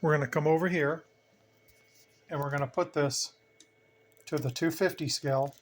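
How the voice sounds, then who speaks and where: A man with a fairly high voice speaks in a steady tone at a moderate pace. He's a hobbyist channel host giving an unscripted, hands-on equipment tutorial, explaining plainly step by step and repeating the key points.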